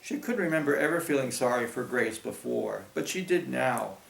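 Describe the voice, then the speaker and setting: Gravelly man reading aloud. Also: medium pitch, moderate pace. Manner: steady storytelling. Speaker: audiobook narrator. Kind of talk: scripted narration. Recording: roomy echo.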